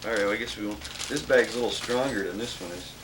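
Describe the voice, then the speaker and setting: A man's voice: fairly low pitch, quick pace, background noise. A father filming a home video with the camcorder, chatting with and coaching his children in a casual, coaxing way, heard through old camcorder audio. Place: family home, indoors. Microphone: camcorder microphone.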